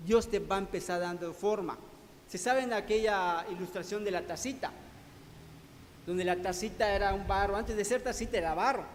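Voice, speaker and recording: A man preaching a sermon to his congregation in a church hall, calling them brothers and asking rhetorical questions. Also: high-pitched. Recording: long hall reverb, faint background noise.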